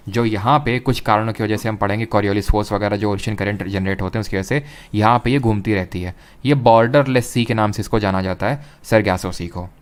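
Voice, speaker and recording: A young adult man teaching an exam-prep geography lecture, explaining step by step, mixing in English terms and often checking whether students follow. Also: lowish voice.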